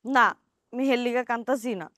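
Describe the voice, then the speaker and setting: An actress playing a tearful, accusing village wife. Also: female voice, on the high side, fairly even intonation, a little fast, fairly bright tone, close to an everyday voice.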